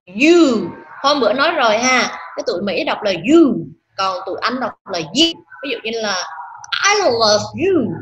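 A woman teacher giving an online English pronunciation lesson, drilling words slowly and coaxing her class in a chatty, teasing way. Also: on the high side, fairly bright tone, muffled recording, slight background noise. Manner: drills words slowly, stretching each sound.

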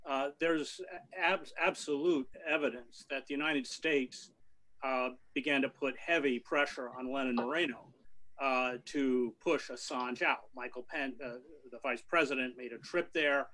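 A middle-aged man answering a press question over a video call from a book-lined study, firm and measured with many fillers. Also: medium pitch, fairly even intonation, sharp tone, rough recording. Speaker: panelist. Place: home study with bookshelves. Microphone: video call webcam.

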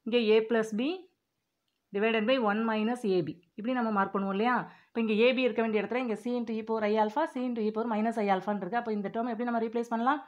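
A woman teaching an exam-prep maths lesson, working through formulas step by step and reading each term slowly and deliberately. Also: fairly high pitch, steady tone, a little mellow, muffled recording.

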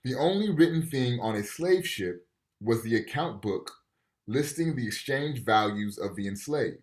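Speaking a little slowly in an animated, mid-range voice, a man in his thirties holds a relaxed college lecture via video call from a room at home. He reads passages aloud and explains them casually, recorded through a webcam.

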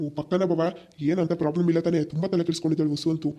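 Guy doing a heartbroken older brother, mellow voice, full of regret. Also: on the high side, level tone, quick pace, lightly acted. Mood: sorrowful. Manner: sorrowful, pleading. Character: regretful older brother estranged from his sister.

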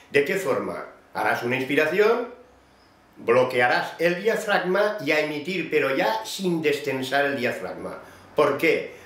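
Male voice coach explaining vocal exercises patiently to a student; slightly high speaking voice; roomy, echoing space. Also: a bit bright. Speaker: voice teacher. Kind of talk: vocal technique lesson.

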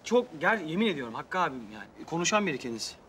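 A man's voice: a little high, big pitch swings, quick pace, fairly bright tone, slight background noise. An actor playing a flustered, lovesick young man who rambles defensively and pleads. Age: young adult. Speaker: lead actor in a TV comedy series.

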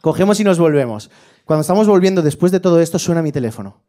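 A man performs stand-up, his voice sitting high for a man. He tells his stories with lively swings and bursts into shouted impressions of his relatives, with a club audience laughing behind him. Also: fast talker. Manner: animated storytelling, shifting into shouted impressions of family. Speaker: stand-up comedian. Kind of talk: stand-up comedy set.

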